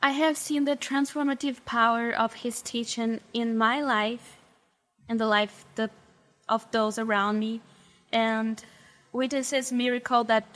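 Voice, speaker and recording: With a slightly high, fairly bright voice, a young woman from Brazil, interviewed as a guest, carefully chooses her words while telling her faith testimony in English, her second language, in a Brazilian Portuguese accent.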